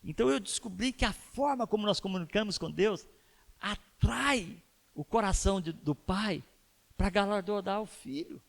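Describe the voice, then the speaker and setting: Pastor guy in his 50s preaching in church, gravelly, kinda high voice, tells stories and keeps asking the crowd stuff. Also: normal speed. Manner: storytelling, asks the audience rhetorical questions. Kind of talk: conversational sermon.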